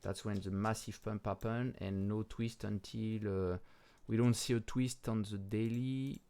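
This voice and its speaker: A man with a French accent and French as his first language, talking through crypto charts in a casual, halting way with many pauses and restarts, and swearing bluntly now and then. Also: on the low side, fairly even intonation, mellow, clear, resonant tone. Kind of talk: casual market commentary over charts.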